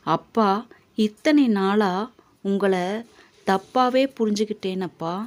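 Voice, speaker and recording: Humble young son in a storybook reading, earnest and quiet, slow delivery , read by a woman. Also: mid-range voice, animated. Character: young adult son, newly working, humble.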